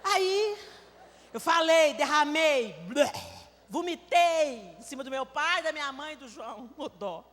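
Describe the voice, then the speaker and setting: A woman's voice: high-pitched, animated, a little slow, fairly bright tone. A woman with a Brazilian accent giving an emotional live sermon in a church, telling a story that swells into tearful outbursts. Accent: Brazilian Portuguese. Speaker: preacher. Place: large church hall. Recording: live church recording with long reverb.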